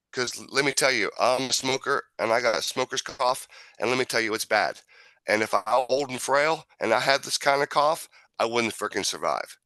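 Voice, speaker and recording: A man with a smoker's rasp hosting a casual, opinionated talk, emphatic and repetitive, swearing freely. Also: mid-range voice, sharp tone, no room sound. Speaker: talk show host.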